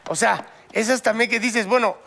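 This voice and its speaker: A man's voice: sits high, normal speed, gravelly, a bit bright. A man with a Mexican accent, co-hosting a casual comedy chat, teasing the others and steering the topic. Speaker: co-host.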